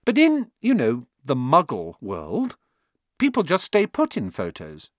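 A man's voice: medium pitch, wildly swooping pitch, a little slow, no room sound, studio quality, pitched above the performer's own voice. A man voicing a polite, curious eleven-year-old schoolboy.

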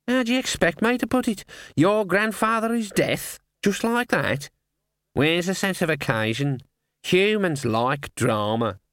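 A man voicing a chatty, excitable male raven that squawks and gossips in a storybook reading. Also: high voice, measured pace, no echo, studio quality, pitched above the performer's own voice. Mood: gossipy.

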